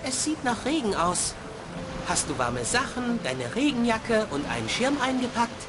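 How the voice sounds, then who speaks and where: Earnest, expressive young boy. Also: on the high side, measured pace, background noise. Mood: relieved, musing. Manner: innocent, expressive. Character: polite, earnest, naive young boy adventurer. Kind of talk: video game voice acting.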